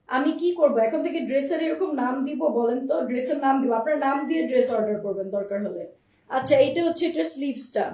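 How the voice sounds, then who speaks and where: A woman with a cold and a hoarse voice, showing dresses on a live stream in a chatty, repetitive way and speaking straight to her viewers. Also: high voice, warm tone. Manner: chatty, addresses viewers directly, repeats herself. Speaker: online clothing seller. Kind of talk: live-stream product showcase. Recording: roomy echo, voice far from the mic.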